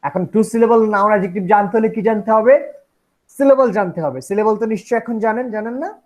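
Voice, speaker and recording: A man's voice: sits high, brisk. A man teaching an English phonetics class, switching between Bengali and English and often asking whether the students follow. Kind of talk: classroom lecture.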